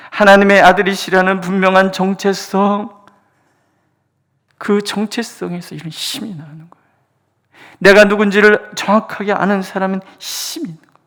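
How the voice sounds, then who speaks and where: Pastor preaching at dawn prayer, mid-pitched voice, jumps between loud emphasis and near-whispers, acts out quoted voices. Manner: swings between loud emphatic lines and soft whispered asides.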